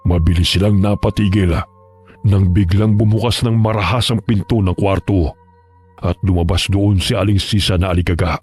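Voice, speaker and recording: Husky low-voiced horror narrator. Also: male voice, faint music behind. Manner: steady, measured storytelling.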